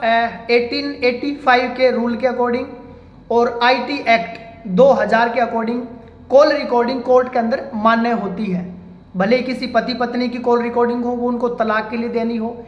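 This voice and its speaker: A man with a very high-pitched voice, captured in dull audio, speaks as an advocate, walking viewers step by step through an informal legal explainer and calling them friends. The room is echoey with long reverb.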